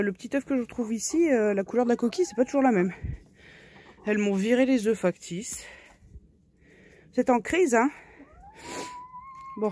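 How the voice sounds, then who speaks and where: A woman's voice: on the high side, warm tone, a little hiss or hum. A woman in a casual vlog, chatting while she tends her backyard hens and coos to them fondly. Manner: coos fondly and talks baby-talk to her birds. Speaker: backyard poultry keeper. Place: outdoors in a garden henhouse. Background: chickens and a rooster clucking.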